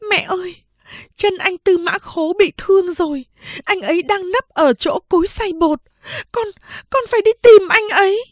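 A woman's voice: very high-pitched, steady tone, moderate pace, few pauses, dry recording, voice pushed up. A woman voicing a desperate young woman who tearfully begs her mother in an audiobook. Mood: tearful pleading. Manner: tearful, pleading.

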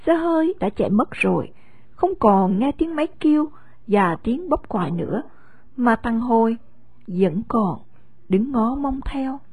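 Husky woman with a Southern Vietnamese accent reading a story. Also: a little high, lively intonation, a little slow, dark tone, faint music behind. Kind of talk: scripted story narration.

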